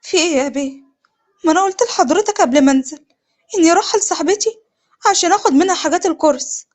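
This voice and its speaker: امرأة تؤدي عروسة شابة عنيدة بلهجة مصرية. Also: female voice, very high-pitched, racing, pitched above the performer's own voice. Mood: frightened. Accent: Egyptian. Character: young woman, stubborn bride refusing her cousin.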